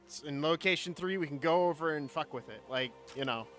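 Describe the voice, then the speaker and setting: A man's voice: on the high side, fairly quick, a bit bright, soft background music. A young man streaming a game, teasing his friends in casual profane chat and talking to his chat.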